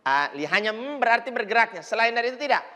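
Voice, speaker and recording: A woman teaching children Quran recitation on TV, patiently modeling each verse slowly and counting the pupils in. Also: on the high side, expressive, pushed and bright, long reverb tail.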